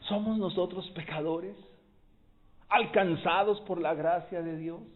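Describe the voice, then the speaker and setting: A man preaching an expository sermon as pastor, rising to loud exclamations. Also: sits high, steady tone, unhurried. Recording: tinny phone-like recording.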